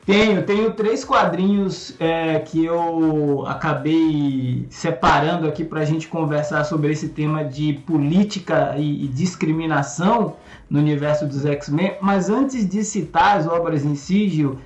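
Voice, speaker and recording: A man speaks over a video call, his voice roomy and a bit muffled. He explains his ideas thoughtfully and at length, pausing on fillers as he gathers his thoughts. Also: on the high side, a little mellow. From Salvador, Brazil. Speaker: guest, comics channel host. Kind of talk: casual explanatory chat.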